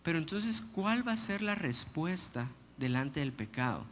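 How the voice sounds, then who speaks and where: A man preaching a sermon, telling personal stories in an animated, humorous way. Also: a little high, measured pace. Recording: long hall reverb, faint background noise.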